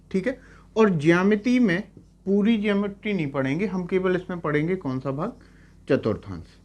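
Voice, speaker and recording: A male math teacher giving a lecture in Hindi mixed with English terms. He keeps asking short checking questions and repeats each key term. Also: high-pitched. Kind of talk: classroom-style lecture.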